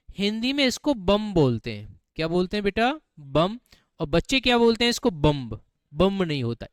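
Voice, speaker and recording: A man's voice: sits high, fairly bright tone, smooth, dry recording, studio quality. A man teaching English vocabulary in a classroom style, often quizzing his students and repeating words back to them. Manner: keeps asking students questions and repeating words, calls them beta.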